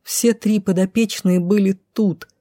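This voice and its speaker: A woman narrating a first-person audiobook in an expressive, dramatic reading. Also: medium pitch, a little slow, no room sound, studio quality.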